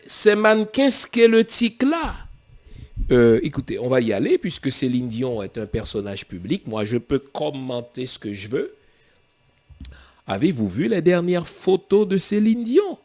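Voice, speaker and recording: A man, a pastor and host, giving an emphatic sermon-like talk with rhetorical questions and frequent chuckles. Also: sits high. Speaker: pastor and theologian hosting a show.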